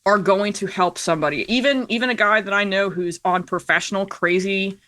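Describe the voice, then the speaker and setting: With "like" and "you know" sprinkled through her speech, a woman indie producer shares stories as a podcast guest in relaxed conversation. Her medium-pitched voice is fairly bright, and she talks fairly quickly.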